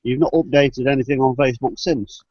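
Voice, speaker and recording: A man hosting a casual group chat over a video call, jokey and quick to laugh. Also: mid-range voice, darkish tone, husky, dry recording. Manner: laughs often, loose and jokey. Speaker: show host. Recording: dull lo-fi call audio.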